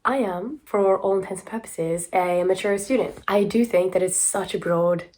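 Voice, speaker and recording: A woman in her twenties from South Africa, talking casually and candidly to camera, hoarse from a sore throat, with a smoker-like rasp. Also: mid-range voice, normal speed, darkish tone. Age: 20s. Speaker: student vlogger.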